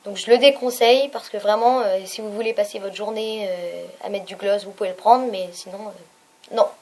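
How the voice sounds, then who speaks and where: A woman's voice: medium pitch, steady tone, normal speed, darkish tone. Chatty young woman reviewing makeup. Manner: chatty, hesitant, many fillers. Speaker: beauty vlogger. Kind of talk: casual product review.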